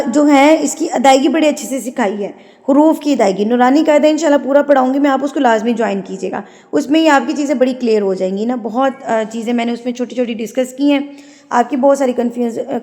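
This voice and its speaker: A woman from Pakistan, teaching Quran tajweed: she recites verses slowly and measuredly, then explains the rules in quick talk. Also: high voice, a little mellow, long reverb tail.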